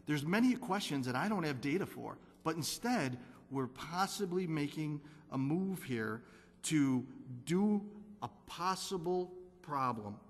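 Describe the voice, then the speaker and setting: A man serving as a city council alderman, giving an earnest, repetitive speech at a council meeting and insisting on data. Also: fairly high pitch. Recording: council chamber with long reverb.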